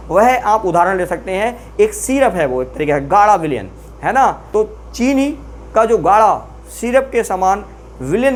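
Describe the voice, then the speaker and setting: A chemistry teacher talks through a lesson in a steady classroom manner. The teacher keeps asking the students questions and answering them, and repeats new terms slowly so they stick. There is a faint hiss behind the voice. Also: mid-range voice. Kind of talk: classroom lecture.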